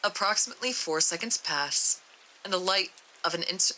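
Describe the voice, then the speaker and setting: Bright-voiced woman reading on stream. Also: fairly low pitch, moderate pace, a little hiss or hum, rough recording. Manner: steady reading with small stumbles. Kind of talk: reading a horror article aloud on stream.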